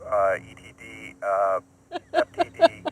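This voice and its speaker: A man talking over a walkie-talkie in playful, hammy trucker-style radio lingo at an outdoor campground, fumbling with pauses. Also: on the low side, wildly swooping pitch. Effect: talking over a walkie-talkie in joking CB-radio lingo. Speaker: camping friend. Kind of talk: casual joking chat.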